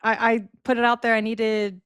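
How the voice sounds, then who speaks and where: A young woman co-hosting a casual podcast, talking quickly and going off on tangents, with laughs in between. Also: a little high, level tone, a bit bright, clean tone, dry recording. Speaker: co-host.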